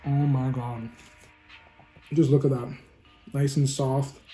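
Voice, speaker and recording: A man hosts a casual cooking vlog, upbeat and chatty, tasting food as he talks and making savoring sounds while eating. He keeps calling his viewers "guys," speaking slowly in a mellow, level, mid-range voice with faint music in the background.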